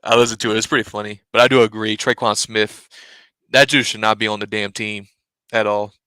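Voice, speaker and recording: A man's voice: fairly low pitch, fairly even intonation, fairly quick, sharp tone, clean tone, no echo. A young man hosting a casual live stream, talking bluntly and rambling, swearing freely and sniffling between sneezes. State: sneezing, stuffy. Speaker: fan channel host.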